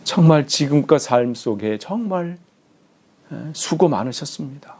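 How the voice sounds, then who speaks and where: A man's voice: a little high, measured pace, breathy edge. A man preaching a sermon as pastor, telling a story with rising emphasis and sometimes dropping to a whisper. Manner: animated storytelling, dropping to whispers for quoted lines.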